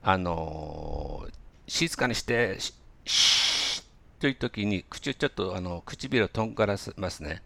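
A man gives a relaxed pronunciation lesson in a very deep voice full of vocal fry. He hesitates often with fillers, then slows right down to model phrases for listeners to repeat. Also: slight background noise. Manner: hesitant, many fillers, slow drilled demonstrations. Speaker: English pronunciation teacher.

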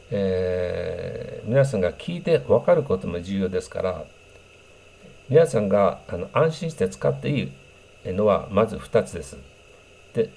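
Gravelly low-voiced man teaching English. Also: warm tone. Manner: patient, plain explaining with many fillers, repeats example phrases slowly. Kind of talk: explanatory language lesson.

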